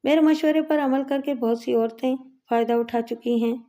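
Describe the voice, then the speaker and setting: A woman's voice: sits high, fairly even intonation, mellow, natural voice. A woman reading the lines of a bossy but caring woman inmate who gives firm advice. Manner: firm, commanding.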